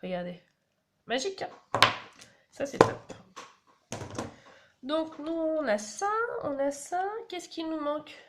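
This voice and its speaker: A woman chats through a casual card-making tutorial, explaining each step as she works. Her high voice is sing-song and slow, with long pauses. Background noise is audible.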